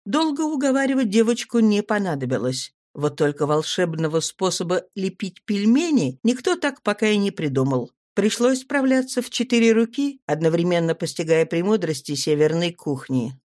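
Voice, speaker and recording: A woman narrating an audiobook at a middle pitch. Her reading is lively and expressive. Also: normal speed, hardly any pauses.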